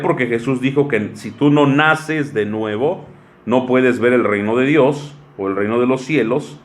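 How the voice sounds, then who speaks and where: Pastor mexicano en sermón, voz de ritmo cambiante. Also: male voice, mid-range voice. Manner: slow, stretched-out word lists with sudden quick asides. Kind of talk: sermon.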